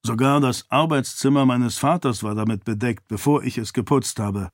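A man voicing a calm, wry male companion who speaks in a slow, matter-of-fact way, in an audiobook. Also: mid-range voice, no room sound, clean studio sound, lightly acted.

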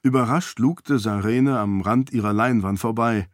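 A male audiobook narrator with a mid-range voice and a steady, even delivery. The recording is close and dry. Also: medium pitch, measured pace, no echo.

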